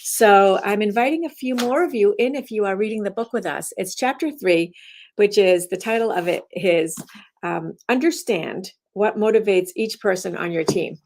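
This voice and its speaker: A woman's voice: medium pitch, moderate pace, darkish tone. A woman instructor giving her daily message as rambling casual talk, often restarting her sentences. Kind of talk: casual self-recorded talk.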